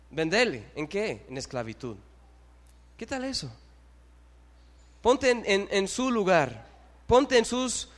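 A man preaching a sermon who asks the congregation rhetorical questions and makes lively asides. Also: high voice, long reverb tail.

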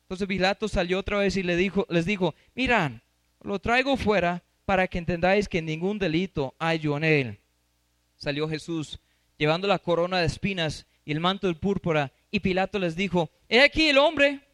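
A man's voice: high-pitched, normal speed, dry recording. A man preaching and teaching from scripture. He reads passages aloud and stops to quiz his listeners. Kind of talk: Bible teaching.

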